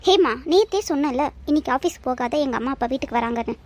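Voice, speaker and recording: A woman's voice: high voice, animated, fast talker, darkish tone. A woman voicing a bossy cartoon husband who scolds and gives orders. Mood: scolding. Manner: commanding, scolding.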